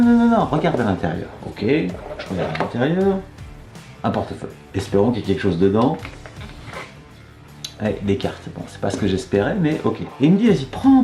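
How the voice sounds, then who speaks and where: A man's voice: mid-range voice, gravelly, warm tone. A man presenting a trick by telling, casually and wryly, how it was played on him, sounding unimpressed. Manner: dry, wry, unimpressed retelling. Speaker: magic dealer presenting a trick. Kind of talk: casual storytelling. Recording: echoey room with faint music.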